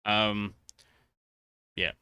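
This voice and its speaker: Male vlogger, low but bright voice, casual and halting, rambling to viewers. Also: level tone, smooth, no echo, clean studio sound. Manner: hesitant, halting, trailing off mid-thought. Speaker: vtuber video creator.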